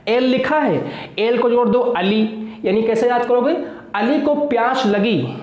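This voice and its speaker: A man's voice: very high-pitched, measured pace, darkish tone, lo-fi sound. A man teaching an exam-prep class. He addresses his students as children, asks his own questions and answers them, and repeats key words. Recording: echoey room.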